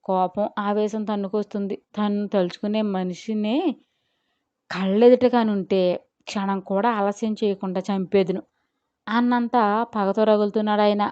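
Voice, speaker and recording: A woman storyteller reading a romance audio story in a measured, expressive way. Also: medium pitch, clean tone, no echo. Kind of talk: scripted story narration. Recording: dull, slightly lo-fi, dry.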